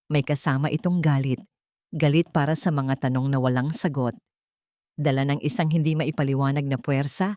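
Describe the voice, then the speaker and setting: Low-voiced woman narrating a drama. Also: dry recording. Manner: steady, dramatic storytelling. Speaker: story narrator.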